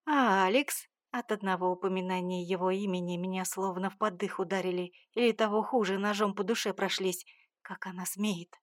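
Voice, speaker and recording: A woman narrating a first-person audiobook in a steady, measured, dramatic reading. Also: mid-range voice, no echo, studio quality.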